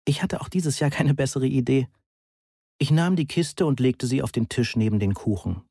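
A man reading a first-person story aloud in a measured, deadpan manner, close to the mic. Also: medium pitch, husky, no room sound. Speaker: audiobook narrator. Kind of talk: first-person scripted narration.

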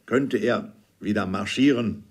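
A kindhearted retired old army captain, read by a man, soft-spoken and gentle. When pressed he turns stubborn and insistent, his level voice rising in pitch. Storybook reading. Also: measured pace.

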